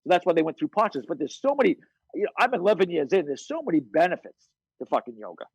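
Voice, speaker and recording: A man who works as a fitness coach, telling stories as a podcast guest in a blunt, profane, animated way. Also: a little high, fast, slightly rough, no echo, dull audio. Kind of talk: casual interview storytelling.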